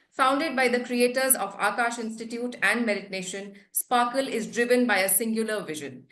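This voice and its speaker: A woman's voice: fairly high pitch, fairly bright tone. A woman with a polished Indian accent hosts a formal webinar, presenting scripted material in a courteous manner. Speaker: webinar host, head of academics. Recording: echoey room sound.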